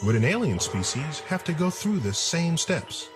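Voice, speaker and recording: A man's voice: on the high side, sing-song, normal speed, over music. A man hosting and narrating a scripted nature documentary.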